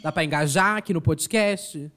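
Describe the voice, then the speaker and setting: A podcast co-host chatting casually in a campy drag-queen manner, theatrical and full of drawn-out slang. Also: medium pitch, a bit bright. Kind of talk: casual chat.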